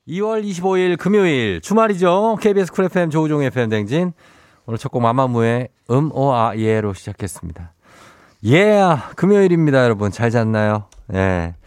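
A man's voice: medium pitch, very animated, a little fast, a little mellow, smooth, no room sound, studio quality. A man hosting a morning radio show, casually reading listener messages and adding short conversational asides.

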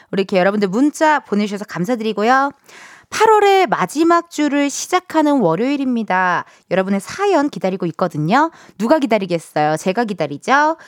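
A woman radio DJ chatting casually and playfully in a studio, expressive and self-teasing as she hosts. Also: mid-range voice, no echo. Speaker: radio DJ, show host. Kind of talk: casual chatty radio hosting, reading listener messages.

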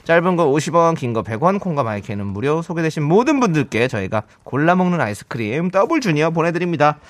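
A man's voice: on the high side, big pitch swings, quick pace. A man hosting a radio show in a casual chatty way, reading out listener messages with upbeat energy. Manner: upbeat, reads out listener texts. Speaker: radio host.

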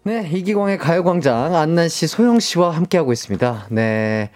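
A man hosting a radio talk show, playful and quick to laugh. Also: a little high, animated, darkish tone. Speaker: radio host.

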